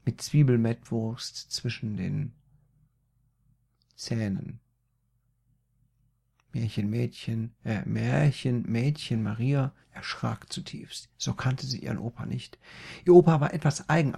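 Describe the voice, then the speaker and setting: A man's voice: medium pitch, vocal fry, dark tone, slightly rough. A man narrating an improvised spooky story in a playful way, with slips and self-corrections.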